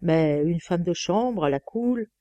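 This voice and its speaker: Expressive woman reading a novel. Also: fairly low pitch, takes it slowly, no room sound, highs cut off. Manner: lively, exclamatory storytelling. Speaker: audiobook reader.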